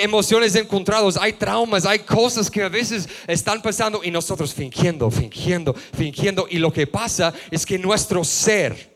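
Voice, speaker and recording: Pastor preaching, kinda high voice, chatty and loose, lots of restarts. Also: male voice. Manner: casual storytelling, slang-filled, many restarts and quiet asides. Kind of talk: sermon.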